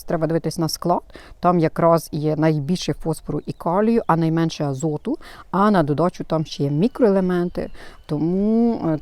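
A woman's voice: fairly low pitch, mellow, dry recording. A woman hosting a gardening channel, explaining things in a chatty, hesitant way with lots of fillers, outdoors in her flower bed while filming herself. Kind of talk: casual gardening how-to. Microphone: self-filmed camera.

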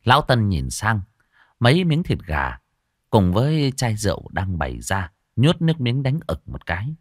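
A man's voice: fairly low pitch, huge pitch swings, moderate pace, no room sound, studio quality. A man narrating a ghost story in a vivid, dramatic way.

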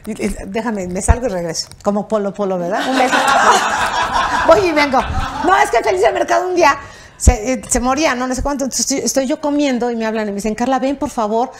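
A woman's voice: on the high side, fast, noisy background. An older woman with a Mexican Spanish accent, a TV producer telling anecdotes in an interview and acting out the dialogue. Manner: animated, acts out quoted dialogue with raised voice and laughter. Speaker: television producer, interview guest.

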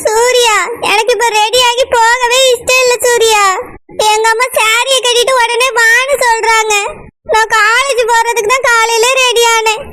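A woman's voice: very high voice, level tone, normal speed, sharp tone. A woman voicing a tearful young college girl in a cartoon, pleading, with a Tirunelveli Tamil accent. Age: young adult. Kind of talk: cartoon voice acting.

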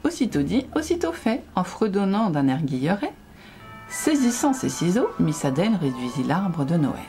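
A woman reading a rhyming children's Christmas story aloud as a librarian, with expressive storytelling. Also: on the low side, normal speed, soft background music.

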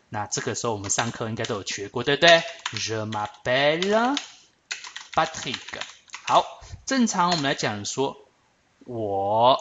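A man teaching a French grammar lesson, explaining patiently and checking in with his students as he slows down to spell out each form. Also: medium pitch, fairly bright tone. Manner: patient, explanatory, addresses students directly with frequent check-ins.

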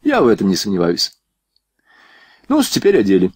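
A courteous, formal officer, read by a man, apologizing with old-fashioned politeness. He speaks with a slight burr, in a lively, rising voice on a dry, close recording. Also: fairly low pitch, normal speed, slightly rough, no room sound, exaggerated voice. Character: courteous older male engineer officer.

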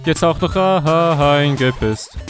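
Man, gaming commentary, jokey, exaggerated, slightly high voice, soft game music underneath. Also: slow. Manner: jokey, exaggerated, often squeals and jumps up in pitch. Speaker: gaming YouTuber. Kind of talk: comedic gameplay commentary.

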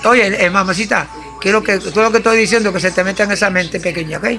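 High gravelly older man preaching. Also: steady tone, quick pace, music in the background. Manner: preachy, mixes Spanish and English. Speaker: grandfather. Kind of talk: casual home video talk. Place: home.

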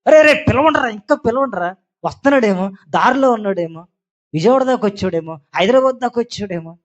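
A man's voice: high voice, animated, fairly quick, a bit bright, dull audio. A preacher acting out a mocking young male prophet who taunts his rivals with sarcastic jeers. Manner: sarcastic, jeering.

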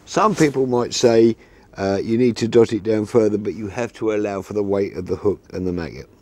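A man in his sixties calmly explaining a fishing setup step by step, seated outdoors at a garden table and talking into a lapel mic. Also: lowish voice, a little fast. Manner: calm, methodical, practical explanations. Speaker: fishing instructor. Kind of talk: step-by-step tutorial.

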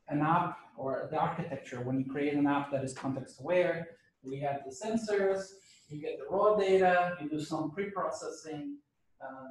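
A hoarse man teaches a university class in a casual, conversational way, often pausing to ask if his students follow. His voice sits a bit high for a man. He sounds well back from the mic, in a very echoey lecture room. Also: distant mic, a little hiss or hum. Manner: conversational, checks in with "okay?". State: losing his voice, clearing his throat.

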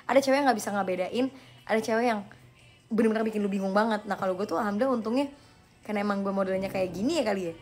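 A young woman hosting a live stream, chatting casually and playfully with viewers and answering their questions in slang, quick to laugh at herself. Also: on the high side. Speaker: livestream host.

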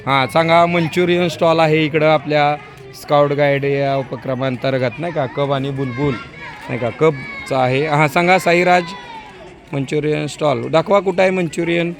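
A male school teacher touring an outdoor school market, briskly coaxing children with quick prompts. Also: a little high, steady tone. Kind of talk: walking tour of a school market stall by stall. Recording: noisy crowd of children outdoors.

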